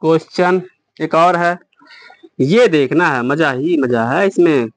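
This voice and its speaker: A man's voice: a little high, takes it slowly, no echo. A man teaching a math lesson to a class, explaining step by step and quizzing his students.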